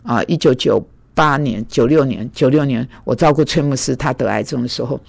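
A man's voice: medium pitch, brisk, vocal fry, no echo. A middle-aged man preaching a sermon in a reflective, hesitant way, with many filler sounds.

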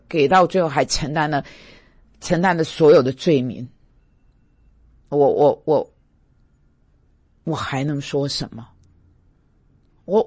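A man's voice: fairly high pitch, no echo. Guy pastor pouring his heart out, stammers a lot, dry close sound. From Taiwan. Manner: impassioned, stammering, plaintive. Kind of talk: emotional devotional talk.

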